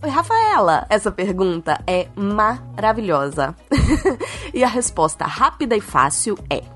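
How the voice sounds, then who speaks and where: A woman's voice: medium pitch, very animated, unhurried, a bit bright, soft background music. A woman on a science podcast explaining an answer to a child in a patient, teacherly way.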